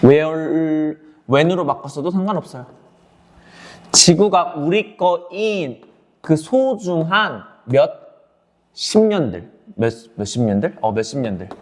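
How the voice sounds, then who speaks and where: A man's voice: fairly high pitch, animated, takes it slowly. A male English teacher giving an online exam lecture. He goes through the passage sentence by sentence, asking questions and answering them himself, and speaks straight to his students. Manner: switches between English words and explanation, addresses students directly.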